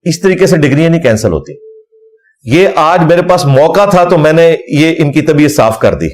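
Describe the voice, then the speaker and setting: Animated man giving a scornful religious lecture. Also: on the high side. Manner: animated, scornful, recites Arabic verses. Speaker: Islamic scholar.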